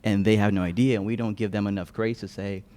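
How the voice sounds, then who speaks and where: A man's voice: lowish voice, fairly even intonation, fast, dark tone. A man hosting a podcast, enthusiastic and appreciative in casual conversation. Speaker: podcast host. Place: library room.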